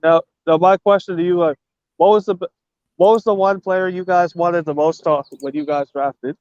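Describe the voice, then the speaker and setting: A man talking casually on a video call as a guest, halting and restarting his sentences. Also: sits high, steady tone, darkish tone. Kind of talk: casual chat. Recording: dull, dry call audio.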